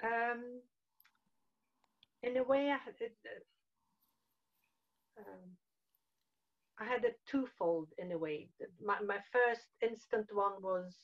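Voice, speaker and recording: Here the woman's voice sits a little high, with a slow pace and frequent pauses. She's in her fifties, joining a video call as a participant from a small room at home, hesitantly chatting and searching for words, and the recording is dull lo-fi call audio.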